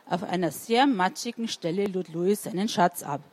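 A woman's voice: on the low side, moderate pace, darkish tone. A woman reading a story to children and asking them questions as she goes. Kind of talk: interactive read-aloud storytelling.

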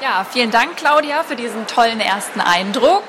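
Chatty woman interviewer, slightly high voice. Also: expressive, moderate pace, background noise. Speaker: interviewer and editor. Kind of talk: casual interview questions.

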